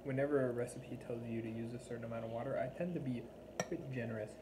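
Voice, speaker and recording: A man chatting over a meal, explaining things in a measured, patient way. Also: mid-range voice, steady tone. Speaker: guest, younger brother. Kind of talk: casual chat over a meal. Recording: noisy room with kitchen sounds.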